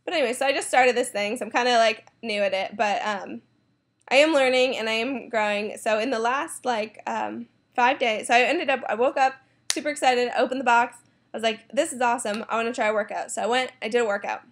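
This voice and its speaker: A woman's voice: a little high, brisk. A young woman chatting casually to camera in a vlog, bubbly and rambling, full of "like" and "um". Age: young adult. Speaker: vlogger. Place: Florida.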